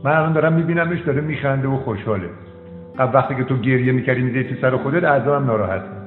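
Man, counselor, calm, directive, repeats commands, mid-pitched, tinny phone-like sound, long echo. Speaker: counselor addressed as doctor. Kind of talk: counseling session with a storytelling aside. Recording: tinny phone-like sound, echoey hall, faint music.

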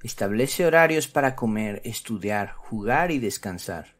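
A fairly low, slightly bright male voice, animated but unhurried. He presents a children's psychology channel, reading scripted narration that teaches and addresses kids directly.

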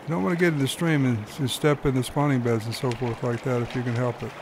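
A man's voice: mid-range voice, fairly even intonation, fast, background noise. A man hosting and narrating his own fishing video in an easygoing, folksy explaining manner. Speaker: fly-fishing guide and host.

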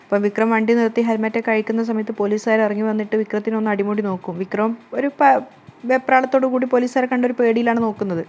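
Woman vlogger, casual storyteller, rapid delivery. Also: a little high, steady tone, a little mellow, dull audio. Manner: quick, chatty retelling.

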